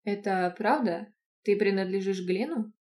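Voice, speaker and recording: Cold menacing tiger guy, slow drawl, loud and mellow, as a lady reader puts him on. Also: a little high, animated, natural voice. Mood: low, probing. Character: stern, menacing tiger-shifter uncle, adult man.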